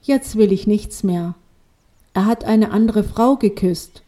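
A woman's voice: mid-range voice, slow, dark tone, close to an everyday voice. A woman voicing an emotional, stubborn young woman who speaks in an agitated, sulky way.

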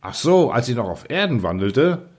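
A man voicing a gentle, solemn young angel who speaks softly and unctuously. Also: medium pitch, big pitch swings, normal speed, slightly rough. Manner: soft, solemn, unctuous speech.

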